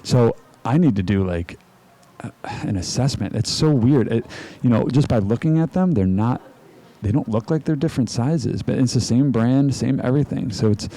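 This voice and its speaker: A man's voice: mid-range voice, expressive, normal speed, mellow. A man hosting a live stream, chatting casually and rambling with fillers. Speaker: host and venue owner.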